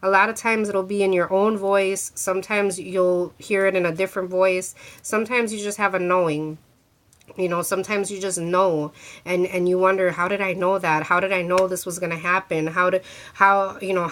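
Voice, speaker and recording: A woman speaks to her viewers about a handmade crystal ring in a relaxed to-camera chat, sounding congested from a cold with a sore throat. Her voice is on the low side and a bit bright, with fairly even intonation at a moderate pace, and she often restarts and uses filler words.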